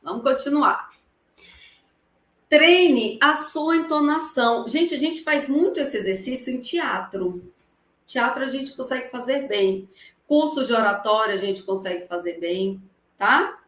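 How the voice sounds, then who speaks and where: A woman with a Brazilian Portuguese accent, a lawyer giving a live lecture on public speaking, projecting her voice without a microphone and swinging between loud and soft for emphasis. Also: a little high, expressive, a little slow. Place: room with a live audience. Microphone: no microphone, voice carried across the room. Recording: echoey room, voice from a distance.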